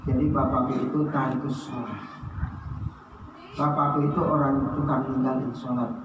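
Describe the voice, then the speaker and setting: A man telling a sermon story, swinging between loud high exclamations and low hushed lines. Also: fairly even intonation, moderate pace, dull audio, background noise. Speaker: preacher. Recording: echoey hall, heard from a distance.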